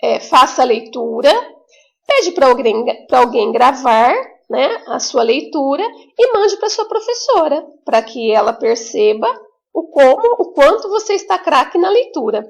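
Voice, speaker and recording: A woman teaching a remote lesson to young children with a Brazilian Portuguese accent, in a slow, sing-song, encouraging way with drawn-out words. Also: high-pitched, lively intonation, vocal fry. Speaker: primary school teacher.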